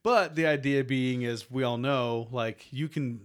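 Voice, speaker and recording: An American man speaks in an everyday, medium-pitched voice. He talks informally, in the conversational style of a podcast co-host among friends. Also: measured pace. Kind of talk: casual chat.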